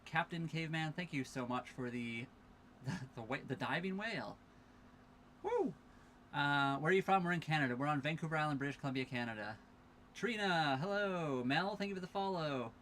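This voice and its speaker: This livestream host speaks in a fairly high, animated voice at a moderate pace, slightly bright, over a light hiss or hum. He's a tired young man chatting casually from his sailboat's cabin at a marina dock, reading out viewer questions and thanking followers.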